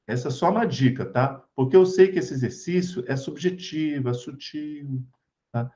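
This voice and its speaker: A man's voice: a little high, moderate pace, warm tone. A man with a Brazilian accent giving an informal spiritual talk to a group over a video call, chatty and checking in with his listeners as he goes. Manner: chatty, keeps checking in with tag questions. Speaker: spiritist study group speaker.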